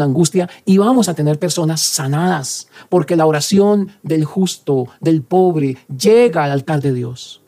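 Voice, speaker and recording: A middle-aged man preaching on a religious radio show, his voice dark and mellow. He leads guided prayer in a fervent, pleading way, slowing down and repeating his phrases. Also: a little high. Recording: radio studio broadcast.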